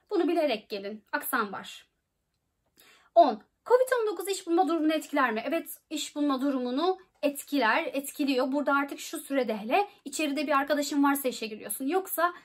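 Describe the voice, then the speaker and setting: High-voiced young woman vlogging casually. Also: a bit bright. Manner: chatty, corrects herself mid-sentence. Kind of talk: casual Q&A vlog.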